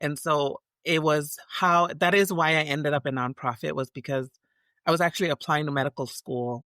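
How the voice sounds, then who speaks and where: A woman's voice: low-pitched, fairly even intonation, moderate pace, a bit bright, no room sound, clean studio sound. A middle-aged woman from Tonga, a guest in a casual interview, talking reflectively with many restarts and fillers.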